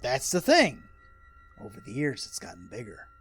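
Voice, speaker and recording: With faint music behind him, an older male actor plays an old American hermit in a radio drama, earnest, folksy and excitable in his rustic rambling. His gravelly, raspy voice sits at medium pitch and moves at a moderate pace.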